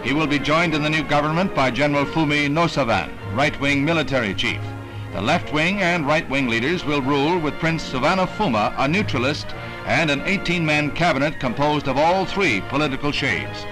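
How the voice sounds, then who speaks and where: This rough vintage newsreel recording features an American man narrating a scripted 1960s piece with formal, dramatic announcer delivery. His voice leans high and keeps a moderate pace, with newsreel music in the background.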